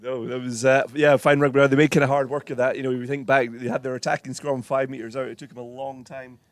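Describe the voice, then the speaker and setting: A man's voice: mid-range voice, little pitch movement, fast, no echo. A man giving chatty, teasing color commentation on a live rugby match. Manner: chatty, teasing, laughs often.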